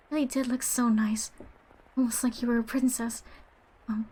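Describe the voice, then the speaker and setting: A woman's voice: a little high, flat delivery, unhurried, dark tone, slightly rough. A woman voicing a timid, polite young female servant who stammers when pressed. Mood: flustered. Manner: hesitant, stammering.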